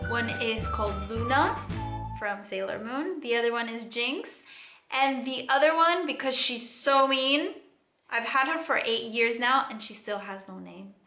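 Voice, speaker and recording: A chatty young woman with a Greek Cypriot accent talks straight to her camera, her voice bright and a touch high. The bedroom around her rings with echo, and soft music runs underneath. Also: a little slow. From Cyprus. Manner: chatty, animated, laughing asides. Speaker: vlogger. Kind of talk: casual chat to camera. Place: bedroom, indoors. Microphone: camera in front, close framing. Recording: echoey room with faint music.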